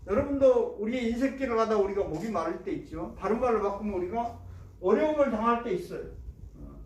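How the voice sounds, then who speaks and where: A man's voice: high voice, animated, fairly quick, darkish tone. A male pastor preaching a sermon, asking the congregation questions and acting out prayers and complaints. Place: church sanctuary. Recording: roomy church sound from a distant mic.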